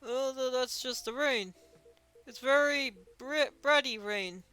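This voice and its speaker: A woman's voice: high voice, takes it slowly, sharp tone, pitched above the performer's own voice, full character voice. A woman voicing a bumbling male police officer who makes flimsy excuses while reading game dialogue aloud. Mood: sheepish.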